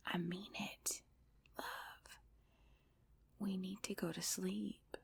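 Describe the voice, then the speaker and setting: In an ASMR roleplay, a woman plays an affectionate, sleepy girlfriend, whispering and murmuring softly. Her breathy voice sits at medium pitch and sounds gently pleading.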